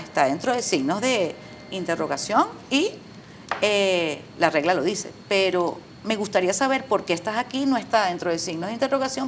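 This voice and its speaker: Patient woman explaining grammar rules. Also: a little high. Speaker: Spanish teacher and proofreader, guest. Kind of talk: explanatory interview talk. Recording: faint background noise.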